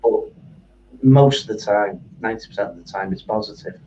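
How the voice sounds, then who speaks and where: Male guest, hesitant and halting, mellow low voice, recorded at a distance on a muffled line. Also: slight background noise. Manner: hesitant, repeats words. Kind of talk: casual interview.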